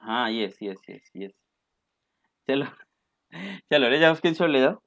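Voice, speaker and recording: A man's voice: medium pitch, expressive, unhurried, fairly bright tone. A man teaching a maths class online, patient and coaxing, mixing English terms into his talk and calling students "beta".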